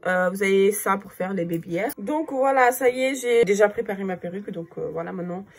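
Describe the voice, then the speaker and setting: A vlogger in her thirties with a Cape Verdean Portuguese accent talks casually to the camera, full of fillers and distracted by her child. Her voice sits in the mid range and moves fairly quickly over a noisy background.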